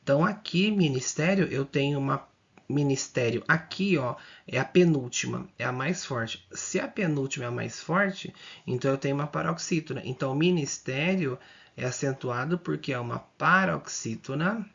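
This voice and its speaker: Gravelly husky male teacher, lo-fi sound. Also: medium pitch, a bit bright. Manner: explains slowly and repeats, drawing out words, checking in often. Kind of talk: exam-prep grammar lesson.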